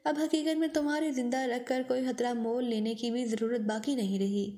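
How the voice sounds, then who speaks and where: A woman narrating an audiobook spy novel, reading every character's lines in her own even voice. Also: high voice, long reverb tail. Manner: reads all parts in one even voice, small stumbles.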